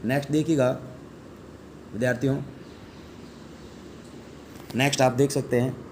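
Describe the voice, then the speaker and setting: Guy teaching an online class, reads out sanskrit then explains it, asks questions and answers them himself, mid-pitched voice. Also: fairly even intonation, normal speed, a little mellow, slight background noise.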